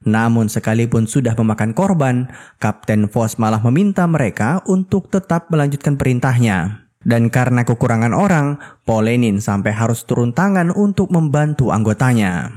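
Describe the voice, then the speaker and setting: A man's voice: mid-range voice, lively intonation, moderate pace, a little mellow. A man narrating a film's plot as scripted storytelling with casual asides. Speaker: film recap narrator.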